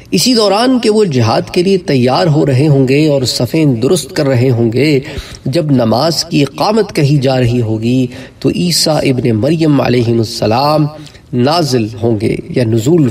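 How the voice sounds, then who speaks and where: A man with a Pakistani Urdu accent delivers an earnest religious lecture, pressing hard on his points. His voice is husky and a little breathy. He sounds set back from the microphone. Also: darkish tone, far from the mic. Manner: earnest, emphatic preaching, rising in pitch when stressing points. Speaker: Islamic preacher.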